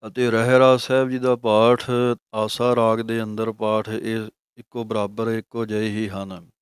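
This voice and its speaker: Slow, smooth-voiced man teaching scripture recitation. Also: lowish voice, dry recording, studio quality. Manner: slow, drawn-out recitation of verses between explanations; calm, measured teaching tone. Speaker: Sikh religious teacher. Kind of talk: scripture pronunciation lesson.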